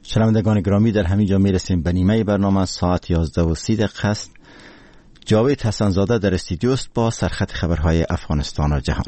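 A man's voice: low voice, dark tone, no echo. A man with an Afghan accent presenting scripted radio news and introducing programme segments.

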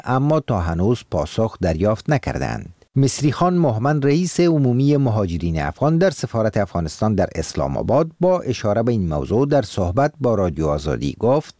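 A man reads a formal news report for radio. His pitch moves up and down a lot, his tone is mellow, and the sound is dry and close. He keeps a steady report-reading rhythm throughout. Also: dry recording. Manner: formal, lively intonation.

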